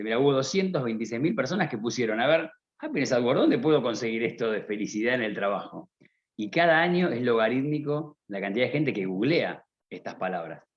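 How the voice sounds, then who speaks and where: This conference speaker from Argentina delivers a motivational business talk in Argentine-accented Spanish, addressing the audience directly and peppering it with rhetorical questions. He has a mid-range voice, captured in somewhat dull lo-fi audio from the stage.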